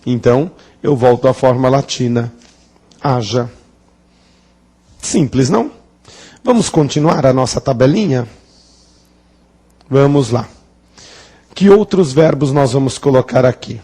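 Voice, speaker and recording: A man's voice: medium pitch, unhurried, pauses often, dark tone, breathy edge. A man teaching a grammar lesson at a classroom blackboard, playful, asking the class questions and drawing out words for emphasis. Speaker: Portuguese teacher.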